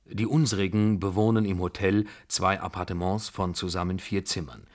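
A man reading a novel aloud in measured, unhurried scripted narration. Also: deep voice, fairly even intonation.

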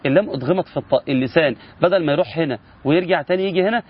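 A man's voice: fairly high pitch, racing, husky, highs cut off. A man with an Egyptian accent, teaching Quran recitation rules in a casual spoken lesson and asking his listeners rhetorical questions. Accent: Egyptian Arabic.

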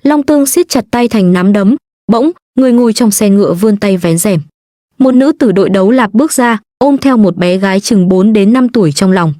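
A woman reading a story aloud in a steady, even narration. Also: mid-range voice, no echo, studio quality. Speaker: audiobook narrator.

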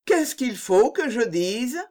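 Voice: mid-range voice, animated, takes it slowly, a little mellow, voice pushed up. A reader voicing a pompous, brooding poet who declaims his verses solemnly in an audiobook. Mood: aloof. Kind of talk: audiobook character voice.

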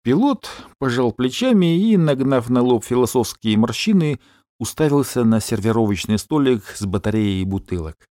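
Guy reading a novel aloud, lots of pitch movement, dry close sound. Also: mellow, no room sound. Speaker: audiobook narrator. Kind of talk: scripted narration.

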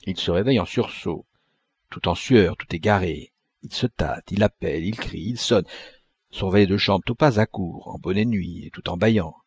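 A man narrating a classic tale for an audiobook, in a measured storytelling manner. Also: sits low, breathy edge, no room sound.

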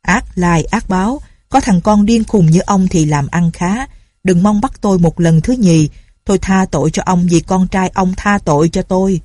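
A woman's voice: fairly low pitch, moderate pace, warm tone, no echo, natural voice. A woman voicing a taunting old bandit chief. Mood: gloating. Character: old male bandit chief, boastful and menacing.

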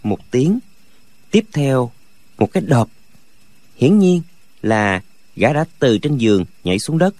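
Animated male audiobook narrator. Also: mid-range voice, unhurried, long pauses, no room sound. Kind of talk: storytelling narration.

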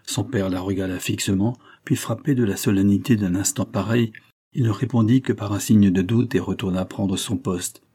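Low, husky male storyteller. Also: steady tone, dark tone. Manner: measured, dramatic. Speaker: narrator. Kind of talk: audiobook reading of a novel.

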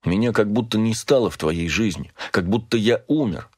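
A man voicing a despairing young son who speaks quietly, tired and resigned, read as an audiobook character. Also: fairly low pitch, moderate pace, breathy edge. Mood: hurt.

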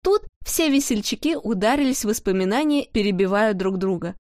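A woman narrating a children's storybook in a lively, expressive way. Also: medium pitch, fairly quick, no echo, studio quality.

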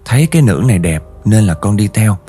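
A man's voice: on the low side, sing-song, quick pace, dark tone, breathy edge, faint music behind. A man voicing the aggrieved ghost of a one-legged dead soldier who has possessed a girl. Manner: aggrieved, rising into angry outbursts.

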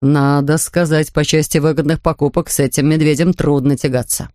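A woman voicing a mild, worried middle-aged father who speaks slowly and carefully in a storybook reading. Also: low-pitched, fairly even intonation, a little mellow, no echo, clean studio sound, pitched below the performer's own voice, lightly acted. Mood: concerned. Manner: slow, careful and concerned. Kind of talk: audiobook character voice.

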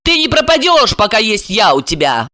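A reader voicing a brisk, cold-blooded young woman in an audiobook who gives orders and mocks her friend. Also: mid-range voice, sing-song, sharp tone, no echo, studio quality, pitched above the performer's own voice. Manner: brisk, commanding, sardonic.

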